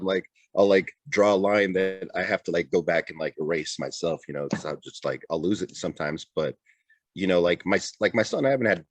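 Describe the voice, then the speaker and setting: A middle-aged man speaks in a low, deep voice, telling his story candidly in a relaxed podcast chat. He often repeats and restarts phrases as he goes. The sound is dry and close to the mic. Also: no echo. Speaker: interview guest, retired border patrol agent. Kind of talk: casual conversational interview.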